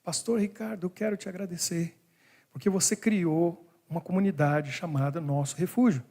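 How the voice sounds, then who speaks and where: A man with a high, warm voice preaches at a moderate pace in a church hall in Brussels. As pastor, he addresses the congregation directly in a conversational way.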